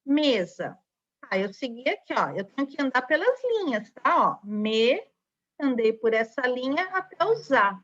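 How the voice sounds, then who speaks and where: Her voice sits high and is very animated, a bit bright, delivered at a measured pace. She's a Brazilian Portuguese-accented primary school teacher leading a recorded online lesson for small kids, patiently spelling out syllables and asking frequent tag questions, all captured on a dull lo-fi recording.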